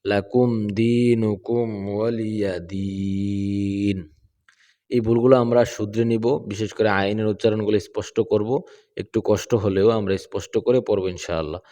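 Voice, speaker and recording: Low, mellow-voiced man teaching recitation. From Bangladesh. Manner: patient, corrects pronunciation step by step, checks in with "right?". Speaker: Quran teacher.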